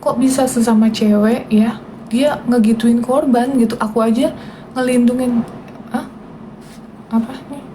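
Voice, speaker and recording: A woman's voice: fairly high pitch, fairly even intonation, a little slow, long pauses, background noise. A woman, hosting a casual livestream and talking indignantly and directly to her viewers. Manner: indignant, talks straight to viewers. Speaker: livestream host.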